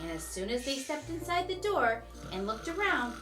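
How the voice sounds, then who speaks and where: A woman narrating a children's fairy tale from a script, with expressive storybook emphasis. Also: sits high, moderate pace, over music.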